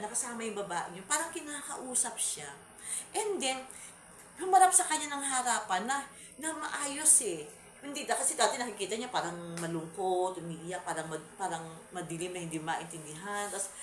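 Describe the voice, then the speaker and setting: A woman vlogger telling a horror story in a casual, rambling way, repeating words and restarting. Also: fairly high pitch. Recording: echoey room.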